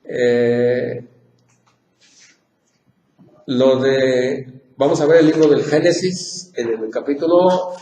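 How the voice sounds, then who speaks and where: In an echoey room with faint background noise, a man with a Mexican Spanish accent teaches an informal Bible class. He speaks slowly and warmly in a mid-range voice, leaving long pauses, repeating his points, and putting questions to the group.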